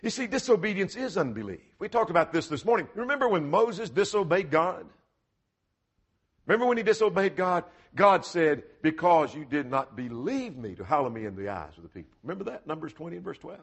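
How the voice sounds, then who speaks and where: A man's voice: a little high, sing-song, brisk, breathy edge. A man preaching a sermon in an earnest, emphatic way, asking rhetorical questions as he goes.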